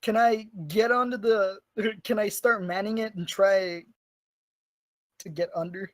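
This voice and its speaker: A woman playing a tabletop game, asking the game master quick, casual questions. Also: medium pitch, steady tone, no room sound. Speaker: player.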